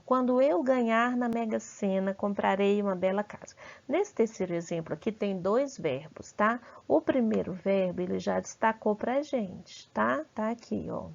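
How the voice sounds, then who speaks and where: Brazilian woman, cheerful grammar teacher, slightly gravelly voice, muffled recording. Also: mid-range voice, darkish tone. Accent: Brazilian Portuguese. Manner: encouraging, asks the class questions and praises answers. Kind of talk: grammar lesson over slides.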